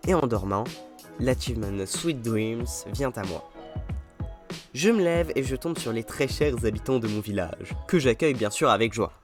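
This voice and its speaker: A man's voice: mid-range voice, animated, moderate pace. Upbeat man narrating gameplay over music. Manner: upbeat, self-mocking. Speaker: gaming YouTuber. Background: game music.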